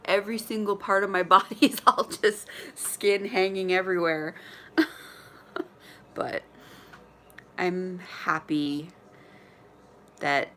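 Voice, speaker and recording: Low-voiced woman in her forties, chatty. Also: fairly even intonation, takes it slowly, long pauses, bright, forceful tone. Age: 40s. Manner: candid and chatty, often laughing, sometimes talking while eating. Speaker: vlogger livestreaming to followers. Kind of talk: casual livestream chat. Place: indoors in her mother's apartment.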